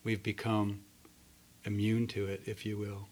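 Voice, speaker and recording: Husky-voiced male preacher. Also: fairly low pitch, completely flat delivery, measured pace, a little mellow. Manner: earnest storytelling with voiced characters. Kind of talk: sermon.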